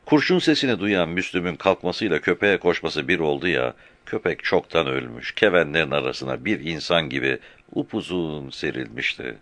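Brief: deep-voiced male audiobook narrator, very lively delivery, dry close recording. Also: moderate pace, few pauses, no echo. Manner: reads every character's dialogue himself, raising his voice for shouts. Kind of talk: scripted narration of a novel.

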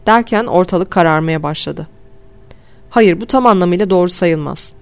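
Guy reading a story out loud, calm and steady, first person. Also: sits high, moderate pace, vocal fry, clean tone. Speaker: audiobook reader. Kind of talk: first-person audiobook narration.

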